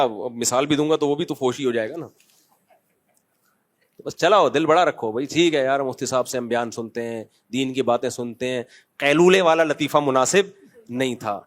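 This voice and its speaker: A middle-aged man, a mufti answering questions from the public in a conversational, scolding manner with joking asides. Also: fairly high pitch. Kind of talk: public Q&A talk.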